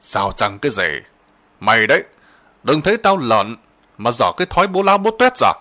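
A man voicing an old rural master who is gruff, bossy and blustering, and who stammers in fear. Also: mid-range voice, very animated, moderate pace, pushed and bright.

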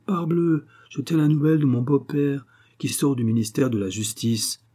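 A man voicing a feverish, boastful young male poet who exclaims loudly in an audiobook. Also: medium pitch, steady tone, moderate pace, natural voice. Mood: exultant. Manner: loud, exclaiming, agitated.

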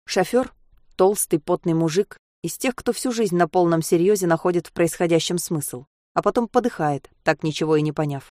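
A woman narrating a novel in the first person, detached and flat. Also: fairly low pitch, moderate pace, no room sound, clean studio sound. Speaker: audiobook narrator.

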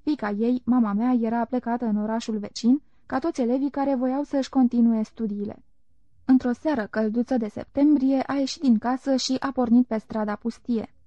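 A woman narrating a literary audiobook in a calm, measured reading voice. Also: a little high, dry recording. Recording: dull lo-fi recording.

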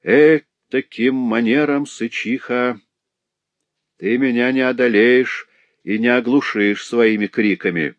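Give me a man playing a hoarse, menacing villain who speaks slowly. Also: medium pitch, no room sound, highs cut off, voice pushed up, close to an everyday voice. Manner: slow, menacing threats. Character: brutal vengeful man, menacing and cold.

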